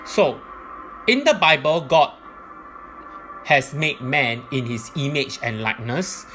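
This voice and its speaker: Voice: medium pitch, lively intonation, slow, fairly bright tone, a little hiss or hum. A presenter giving explanatory religious teaching in a methodical, point-by-point way.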